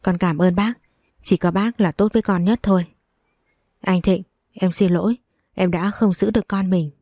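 A woman's voice: mid-range voice, steady tone, moderate pace, mellow, no room sound, studio quality, natural voice. A woman reading the part of a manipulative, vengeful young woman in a spoken story. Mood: tearful, pleading.

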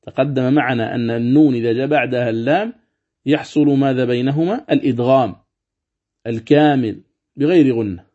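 A man's voice: mid-range voice, fairly quick, phone-quality sound. A man teaching a religious lesson on Quran recitation. He explains step by step, asks rhetorical questions and draws out the recited examples.

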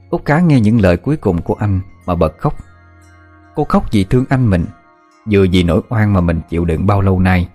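A male storyteller reads an audio ghost story in a steady, even manner. His voice sits on the low side, with soft music faint underneath. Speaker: narrator.

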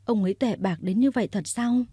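A woman's voice: medium pitch, fairly quick, warm tone, husky, no room sound, studio quality, natural voice. A woman voicing a tearful young woman who cries and pleads in a storybook reading. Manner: crying, pleading.

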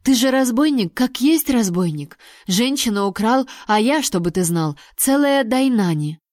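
A woman reading an audiobook, voicing a sharp-tongued young woman held captive who scolds her captor sarcastically. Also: on the high side, animated, unhurried, no room sound, clean studio sound. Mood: scolding.

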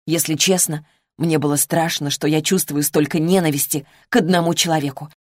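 Woman narrator for a first-person novel, low voice, dry studio, steady measured delivery. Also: no room sound. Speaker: audiobook narrator.

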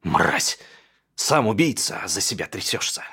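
A man's voice: extremely low pitch, fairly even intonation, a little slow, creaky, sharp tone, husky, voice pushed down, exaggerated voice. A man voicing a burly, contemptuous man who growls his words. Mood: growling.

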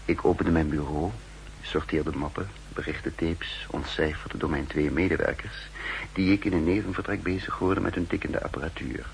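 In a 1960s radio drama marred by hum, noise and poor audio, an actor voices a self-assured male spy posing as a counterintelligence chief. His low, steady, creaky delivery is measured, formal and literary as he recounts his undercover life with wry reflection.

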